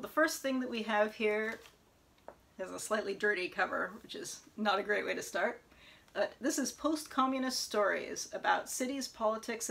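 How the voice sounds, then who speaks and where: A young woman book vlogger chats casually at home about her new books, sometimes reading back-cover blurbs aloud in an even tone. Her voice is mid-range, and a camera in front of her at close range picks it up along with slight background noise.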